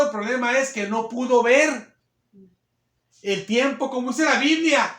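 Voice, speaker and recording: A man's voice: very high-pitched, fairly bright tone, reverberant. A man preaching a sermon in a church, repeating his points emphatically and often addressing the sisters. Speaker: pastor.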